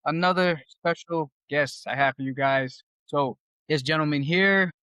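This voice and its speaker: A man's voice: on the high side, unhurried, sharp tone, smooth, no room sound. A man hosting his podcast, asking questions in a laid-back, slangy way, full of "like" and "kinda". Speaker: podcast host. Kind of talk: casual interview conversation.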